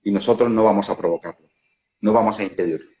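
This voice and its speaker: This non-duality facilitator has a fairly low, warm male voice and an unhurried pace. Giving a reflective spiritual talk over a phone live stream, he muses and laughs at his own examples.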